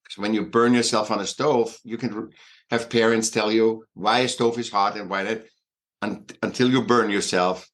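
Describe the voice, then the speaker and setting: A man in his sixties from Austria with an Austrian accent, a guest artist talking in a halting way, full of fillers and restarts. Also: on the low side, steady tone, fairly bright tone. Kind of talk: conversational interview.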